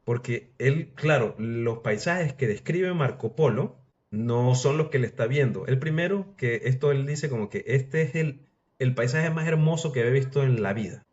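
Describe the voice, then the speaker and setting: A man's voice: medium pitch, moderate pace, darkish tone. A man casually retelling a historical story in a loose, chatty way, now and then acting out quotes. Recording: dull lo-fi sound.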